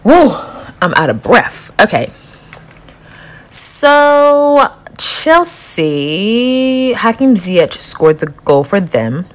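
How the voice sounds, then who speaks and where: A young woman hosting a casual football podcast, chatty and rambling with quick asides. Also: sits low, big pitch swings, breathy edge. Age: young adult. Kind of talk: casual chat.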